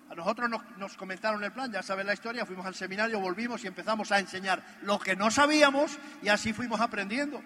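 A man with a high, ringing voice delivers a motivational convention speech. He tells stories and presses his points home, talking right at the listener. A long hall reverb trails behind every phrase. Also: sharp tone. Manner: emphatic, addresses the listener directly. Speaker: motivational speaker at a business convention.

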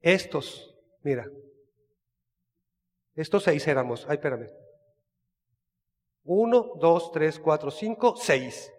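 Mexican man, high voice, chatty storyteller with restarts, long room reverb. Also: expressive, takes it slowly, pauses often. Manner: chatty, frequent restarts, asks listener asides. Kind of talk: casual personal storytelling.

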